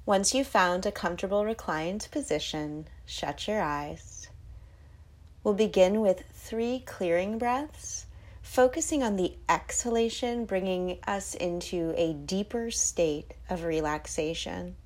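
A woman with a lowish voice speaks slowly as she guides a sleep meditation. Her soothing instructions come in breathy phrases that often trail off toward a whisper.

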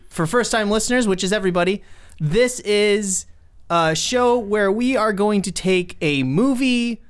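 A man's voice: sits high, smooth. A young man hosting a podcast in casual chat, playful and teasing. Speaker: podcast host and producer.

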